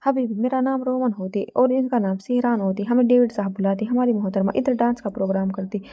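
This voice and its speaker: A woman's voice: fairly high pitch, steady tone, brisk, lo-fi sound, lightly acted. A woman voicing a joking young man who hams up a fake sheikh act in a storybook reading. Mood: hammy. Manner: hammy, over-acted.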